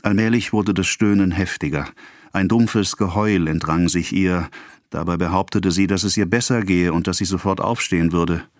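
A man reading a classic novel aloud as an audiobook narrator, in a measured, even storytelling manner. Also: low-pitched, no room sound, clean studio sound.

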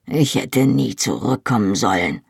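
A woman's voice: sits low, expressive, measured pace, darkish tone, husky, no echo, studio quality, full character voice. A woman reading the part of an anguished, proud young man, speaking in pained, bitter outbursts.

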